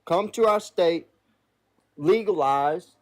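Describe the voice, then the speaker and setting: A man's voice: sits high, takes it slowly. A man calling into a live debate over a video call, talking bluntly and crudely. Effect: heard over a video call. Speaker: caller in a live debate stream. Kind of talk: casual argument.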